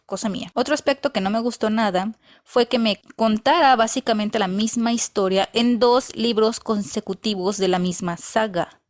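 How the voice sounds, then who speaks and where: A woman's voice: on the high side, normal speed. A woman giving a casual, opinionated book review, blunt and emphatic, with dry sarcastic asides.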